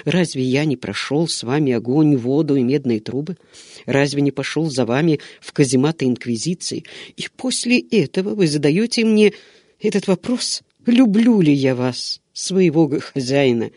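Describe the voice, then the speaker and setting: Male narrator playing a devoted, hot-tempered young servant; pitched up, loud and pleading, audiobook read. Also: moderate pace, dry recording, clean studio sound. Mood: wounded pleading. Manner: pleading, excitable, defiant.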